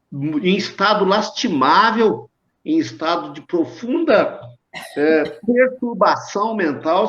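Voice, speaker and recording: Study group speaker, brazilian man, fairly high voice, muffled lo-fi sound, reads passages and explains. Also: a bit bright. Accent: Brazilian Portuguese. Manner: thoughtful, reads passages aloud.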